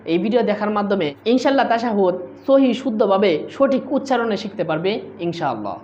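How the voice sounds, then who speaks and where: A woman's voice: medium pitch, very animated, a little mellow, a little hiss or hum. Woman teaching recitation syllable by syllable. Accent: Bangladeshi Bengali. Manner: quick explanations, then slow drawn-out model syllables. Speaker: Quran pronunciation teacher. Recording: slightly muffled lo-fi audio.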